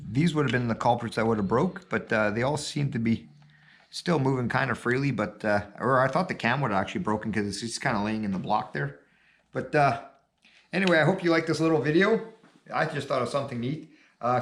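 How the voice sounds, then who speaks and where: A man's voice: medium pitch, fairly bright tone. A man who is losing his voice chats casually as host of his channel. He rambles loosely, with plenty of fillers. The sound is echoey, as if recorded in a bare room. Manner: laid-back, rambling with many fillers. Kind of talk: casual video chat.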